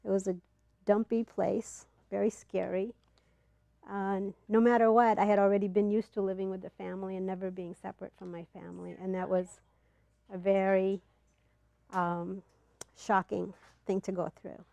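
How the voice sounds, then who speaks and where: Middle-aged woman from ethiopia telling a story to a crowd, earnest, halting, lots of ums, dry close sound. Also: mid-range voice, little pitch movement, gravelly, mellow, no room sound. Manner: earnest, halting delivery with pauses and fillers. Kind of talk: personal storytelling to a live audience. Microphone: clip-on mic, not in front of the face.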